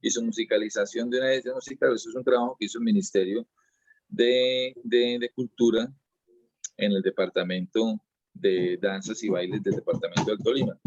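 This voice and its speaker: A man's voice: lowish voice, fairly even intonation, brisk, darkish tone, no echo, highs cut off. A man, a dance teacher being interviewed, explaining at length in a casual way and often restarting and repeating his words.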